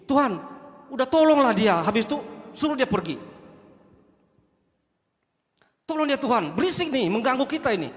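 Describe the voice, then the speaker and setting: A man's voice: high-pitched, big pitch swings, fast talker, a bit bright, long reverb tail. A male preacher voicing irritated disciples who want a noisy woman sent away, speaking in a casual, dismissive way. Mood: annoyed. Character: impatient grumbling male disciples.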